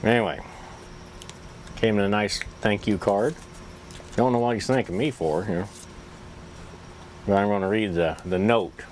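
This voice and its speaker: A man's voice: on the low side, normal speed, pauses often, darkish tone, a little hiss or hum. A man chatting casually to camera in a folksy, rambling, self-deprecating way, as if with a pipe in his mouth. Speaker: pipe-smoking YouTube vlogger.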